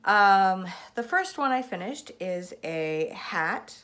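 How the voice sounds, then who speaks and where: A host in her thirties takes it slowly in a mid-range, fairly bright voice with lively intonation. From a spinning chair at home, facing a camera that records through its own mic, she rambles casually about knitting, stuffy with a cold and heavy on the ums.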